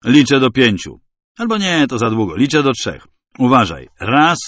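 A man voicing a taunting armed male militia leader who shouts and mocks. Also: medium pitch, big pitch swings, normal speed, dry recording, studio quality, pitched above the performer's own voice. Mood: mocking. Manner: shouting, mocking.

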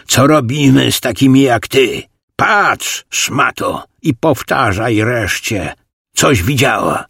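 A man's voice: mid-range voice, very animated, very slow, slightly rough, no echo, studio quality, pitched above the performer's own voice, exaggerated voice. A man voicing a brutal male gang leader in an audiobook, snarling and roaring cruel orders. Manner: shouted commands and insults. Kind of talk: audiobook character voice.

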